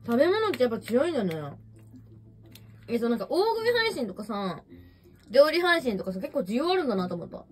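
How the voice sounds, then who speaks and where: A young woman chats on a livestream while eating at home, rambling and reacting to viewer comments. Her voice sits high and swings widely in pitch. She is picked up by a smartphone mic with faint room ambience. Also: big pitch swings, a little fast, slight background noise.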